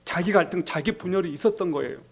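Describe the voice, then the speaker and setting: A man preaching a sermon as pastor, telling the story and acting out quoted lines in a softer, lower voice. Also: fast talker, vocal fry, slightly rough.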